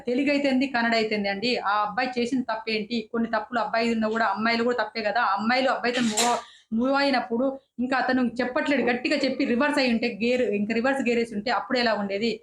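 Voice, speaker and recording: A woman's voice: fairly high pitch, racing, reverberant, a little hiss or hum. A woman giving an opinionated, indignant review of a reality show, often repeating herself and restarting words. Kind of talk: casual opinionated commentary.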